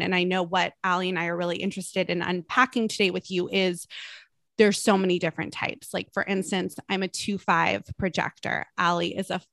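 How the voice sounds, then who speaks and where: A woman's voice: medium pitch, creaky, a bit bright, dry recording. A woman co-hosting a podcast, asking enthusiastic, rambling questions in casual chat. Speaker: podcast co-host.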